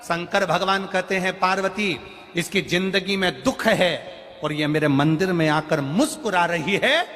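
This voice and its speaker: A man telling devotional stories in a sermon, animated and sing-song, rising suddenly loud. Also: fairly high pitch. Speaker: religious storyteller. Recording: long hall reverb with faint music.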